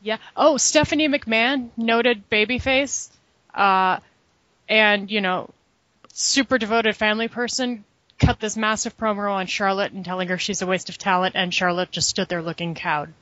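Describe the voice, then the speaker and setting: A woman's voice: mid-range voice, fairly even intonation, normal speed, a bit bright, no echo. A woman talks through a recap in a casual chat, dry and sarcastic in her asides. The sound is close and dead, with a slightly dull, lo-fi quality. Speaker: podcast co-host recapping wrestling.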